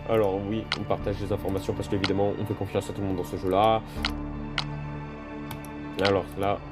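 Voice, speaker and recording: A man's voice: lowish voice, brisk. A man playing a video game and commentating casually, joking and talking to viewers and characters. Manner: jokey, excitable, talks to viewers and game characters. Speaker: gaming video host. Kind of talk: casual let's-play commentary. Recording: loud game music behind.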